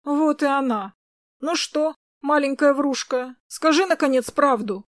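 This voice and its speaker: A woman's voice: high voice, a little slow, no echo, studio quality, pitched above the performer's own voice. A woman voicing a jealous, spiteful young woman who taunts and sneers, in a read-aloud story. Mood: taunting.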